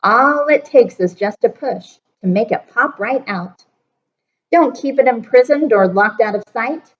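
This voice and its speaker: A woman's voice: a little high, lively intonation, a little slow, dull audio. A woman voicing a cheerful, determined male court jester in a rhyming storybook, in a near-natural voice. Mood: joyful. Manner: rhyming storybook speech, earnest.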